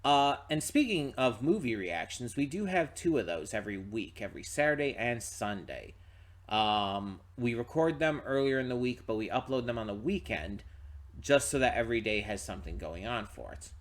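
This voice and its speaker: A man's voice: medium pitch, expressive, moderate pace. A man hosting a reaction channel, talking casually and rambling with frequent restarts while tired and yawning. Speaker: channel host. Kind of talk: casual pre-reaction talk to camera.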